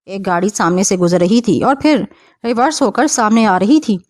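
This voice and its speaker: A woman narrating a novel as an audiobook, with a steady storytelling delivery. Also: mid-range voice, no room sound, clean studio sound.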